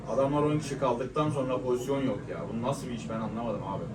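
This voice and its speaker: A young man giving live reaction commentary on a match, frustrated and swearing as he shouts at the players. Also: medium pitch, steady tone, quick pace, a little hiss or hum. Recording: echoey room, mic at a distance.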